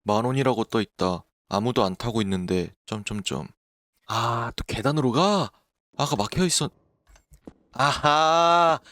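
A man's voice: fairly low pitch, lively intonation, moderate pace, dry recording, studio quality. A man streaming a horror game, jumpy and talking to himself and the screen, reading the game text aloud. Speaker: gaming streamer. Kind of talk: horror game let's-play commentary.

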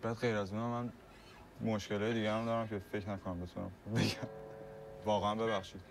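An actor playing a young musician who talks casually and apologizes for turning down an offer. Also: male voice, on the low side, level tone, a little hiss or hum, lightly acted.

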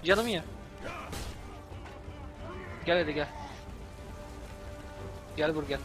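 A young Turkish man doing let's-play commentary, yelling and cursing at the game in exasperation. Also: a little high, drawn-out words, over music. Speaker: gameplay commentator.

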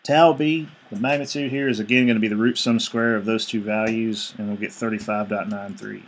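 A man's voice: on the low side, fairly even intonation, brisk, slight background noise. A male engineering instructor giving a screencast lecture, explaining each step evenly and reading out numbers as he works.

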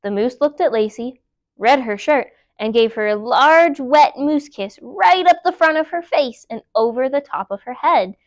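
An animated woman with a high-pitched voice reads a picture book aloud as a library storytime reader, her storytelling emphatic and deliberate. She sits indoors before a dark wall, recorded on a clip-on lapel mic with no room sound.

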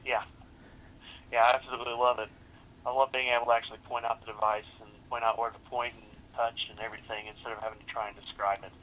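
On a video support call, a young tech support advisor wearing a headset walks a customer through steps in a courteous, casual way. He speaks fast at medium pitch, with little pitch movement and a fairly bright tone. The recording is low quality, with a little hiss or hum.

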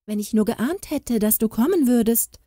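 A woman's voice: medium pitch, expressive, unhurried, warm tone, dry recording, clean studio sound, voice pushed up. A woman voicing a hypocritical housewife who gushes with sugary, overdone politeness in a storybook. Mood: gushing. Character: scheming hypocritical housewife, gushing and false.

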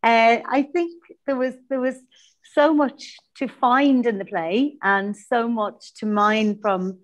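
An animated woman talking about directing a play, her voice echoing off the bare walls of an empty classroom. She is on a video call, and her reflective talk often breaks into easy laughter. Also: a little high, slow pace. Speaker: theatre director. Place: small empty classroom, echoey.

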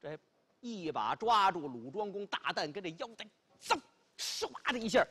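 Dramatic male storyteller, very animated pitch. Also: moderate pace, slightly rough. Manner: emphatic, dramatic, exclamatory. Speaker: pingshu storyteller. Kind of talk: theatrical traditional Chinese storytelling. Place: television studio stage.

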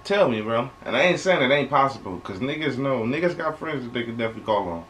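A man's voice: medium pitch, expressive, quick pace, fairly bright tone, rough recording. A young man with an American accent hosts a reaction video with casual, slangy commentary, repeating points for emphasis. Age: young adult. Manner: slangy, conversational, emphatic repetition. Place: small bedroom indoors. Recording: clear background noise, home webcam recording.

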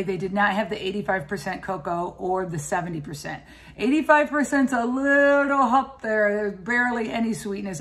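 A woman in her fifties, a cooking vlogger, chatting enthusiastically to the camera as she gives practical grocery and recipe tips. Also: medium pitch. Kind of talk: casual shopping and cooking walkthrough. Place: indoors at home and in a grocery store.

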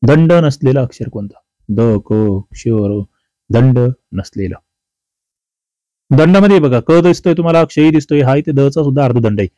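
A male teacher giving an exam-prep grammar lesson, fast, chatty and teasing. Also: mid-range voice, lively intonation, warm tone, no room sound. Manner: fast, chatty and teasing, calls students brother and sister.

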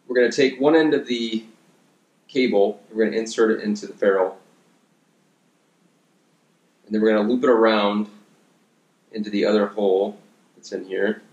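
A man in his thirties giving a relaxed how-to demonstration in his home gym, with lots of fillers as he works with his hands, recorded by a camera a few feet away. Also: fairly low pitch, moderate pace, long pauses. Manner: relaxed instructional, many fillers and restarts; working with his hands while talking. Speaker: fitness coach. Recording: echoey room.

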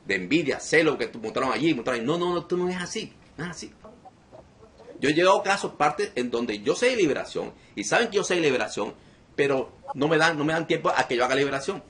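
A man's voice: fairly high pitch, lively intonation, quick pace, fairly bright tone. A man preaching as a deliverance minister to an online group, emphatic and repeating phrases again and again.

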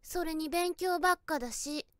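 A woman's voice: extremely high pitch, moderate pace, dry recording, clean studio sound. A woman playing a tsundere teenage girlfriend in a situation voice drama, snappy and pouting on the surface and shyly affectionate underneath. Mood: indignant, whiny. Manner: tsundere: snappy, pouting scolding that slips into shy softness. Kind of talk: Japanese situation voice drama, addressed to the listener.

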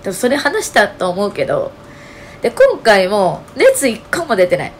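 A woman with a Kansai accent talking casually to her channel, her voice hoarse and nasal, telling her story with lots of fillers. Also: medium pitch, moderate pace, slight background noise. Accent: Kansai Japanese. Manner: chatty, animated storytelling with many fillers. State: hoarse, strained voice. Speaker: channel host. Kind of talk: casual solo vlog talk.

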